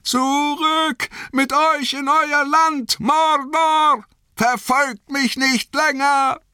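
A man voicing a young male hobbit, thin and shrill as he shouts in desperate defiance, in a storybook reading. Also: completely flat delivery, extremely slow, no room sound, studio quality, full character voice. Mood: defiant shouting.

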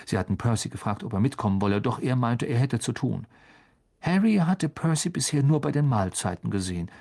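A man reading a storybook aloud as an expressive audiobook narrator. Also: mid-range voice, fairly quick, gravelly. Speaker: audiobook reader. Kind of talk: scripted narration.

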